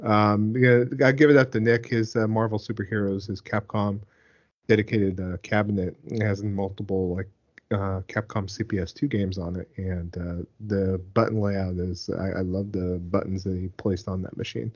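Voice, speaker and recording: A man co-hosting a casual gaming podcast, his voice gravelly from a mild virus. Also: on the low side, flat delivery, moderate pace, dull audio. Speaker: podcast co-host.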